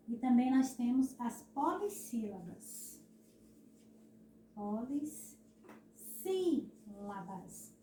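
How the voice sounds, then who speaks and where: A Brazilian woman teaches a recorded lesson, her voice a little high and soft-toned. She drags out words syllable by syllable and keeps checking in with "né?". She sounds set back from the mic in an echoing room with a faint hiss. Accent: Brazilian Portuguese. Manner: slow, syllable-stressing explanations with frequent "né?". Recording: echoey room, voice from a distance.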